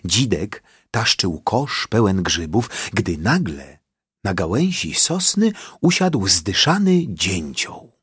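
Expressive, slow male storyteller. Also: low-pitched, slightly rough, no room sound, studio quality. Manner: expressive, drawn-out. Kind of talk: children's story reading.

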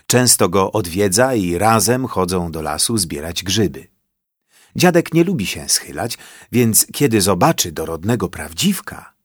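A man reading a children's story aloud in an expressive, drawn-out way. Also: fairly low pitch, breathy edge, no echo, clean studio sound.

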